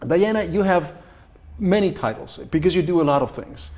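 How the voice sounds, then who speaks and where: A man's voice: high voice, expressive, moderate pace, darkish tone. A talk show host, a man with an Ecuadorian Spanish accent, chats casually with his guest. He jokes and wanders off on tangents before steering back to the interview. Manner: chatty, digressive, jokey.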